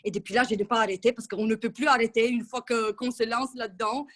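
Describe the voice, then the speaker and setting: A woman's voice: fairly high pitch, fairly even intonation, fast, a bit bright. Chatty woman in her thirties. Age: 30s. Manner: chatty, with many restarts and fillers. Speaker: coaching client giving a testimonial. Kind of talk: casual testimonial interview.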